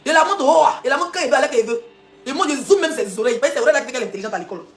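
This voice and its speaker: A woman rants on a live stream, mocking her critics and firing off rhetorical questions between laughs. Her voice sits high and she rattles the words off at great speed. The sound bounces around an echoey room. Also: lively intonation, rapid-fire. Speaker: social media live streamer. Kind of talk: heated live-stream rant.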